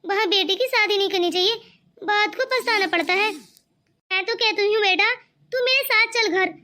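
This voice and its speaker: A woman's voice: very high voice, normal speed, pushed and bright. A woman voicing a worried, protective mother in a cartoon, coaxing and fussing over her daughter. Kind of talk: cartoon voice acting.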